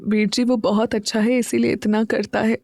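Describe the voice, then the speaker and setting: A woman playing a guilt-ridden young woman in an audio drama, close to tears, her words stopping halfway. The voice is mellow, dry and close. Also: fairly high pitch, little pitch movement, moderate pace, gravelly, no room sound. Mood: subdued. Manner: hesitant, breaking off mid-sentence. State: crying, choked up.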